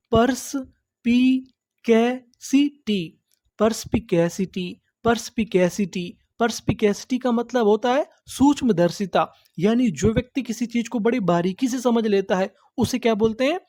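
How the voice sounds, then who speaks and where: A woman's voice: on the high side, normal speed, few pauses, dark tone, no room sound. A woman teaching English vocabulary, spelling each word letter by letter and asking and answering her own questions. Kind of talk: slow spelled-out vocabulary lesson.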